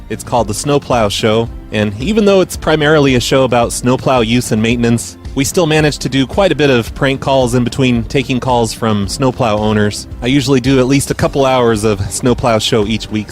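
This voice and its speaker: A man speaking casually as a prank caller and podcast host, with a mock-earnest, deadpan delivery. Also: medium pitch.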